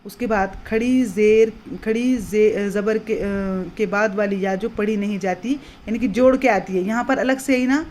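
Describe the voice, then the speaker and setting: A woman teaching Quran reading in a patient, explanatory way, repeating words slowly and drawing them out. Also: mid-range voice, steady tone, darkish tone. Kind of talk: slow explanatory lesson.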